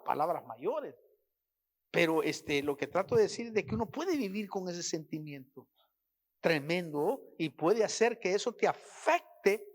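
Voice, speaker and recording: A middle-aged man preaching a sermon, telling personal stories with emotional, emphatic delivery that swells in intensity. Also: high-pitched. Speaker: pastor.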